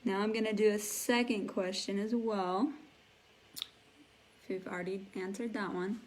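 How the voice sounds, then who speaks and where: A woman's voice: medium pitch, fairly even intonation, moderate pace, a little mellow. A woman teaching a live online English class, patiently explaining words and encouraging her students. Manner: patient, encouraging, imitates sound effects.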